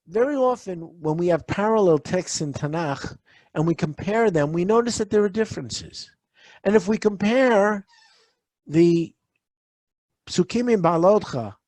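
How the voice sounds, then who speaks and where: A man's voice: high voice, darkish tone, no room sound. Man teaching, dry close sound. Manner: asks rhetorical questions, reads Hebrew verses aloud. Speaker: Torah teacher. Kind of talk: lecture on a weekly Torah portion.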